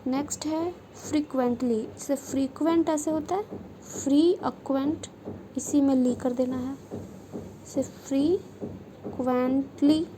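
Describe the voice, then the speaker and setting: A woman teaching shorthand, slowly repeating each word as she demonstrates it. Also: high-pitched, mellow, slight background noise, rough recording. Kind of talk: instructional lesson.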